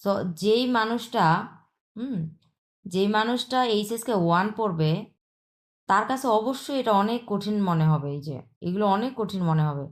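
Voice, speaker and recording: A woman with a Bangladeshi accent teaching a language lesson, patiently repeating points and drawing out example sounds slowly. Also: medium pitch, lively intonation. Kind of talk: explanatory lesson.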